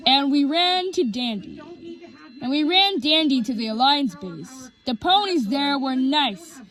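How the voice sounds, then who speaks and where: A woman reading her own homemade story aloud, in a halting way with restarts. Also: high voice, animated, fairly bright tone.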